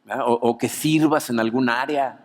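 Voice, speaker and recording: A male pastor with a Mexican Spanish accent, preaching an anniversary sermon as an animated storyteller who keeps adding "¿no?" to his lines. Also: mid-range voice, moderate pace. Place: church auditorium. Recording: long reverb of a church hall.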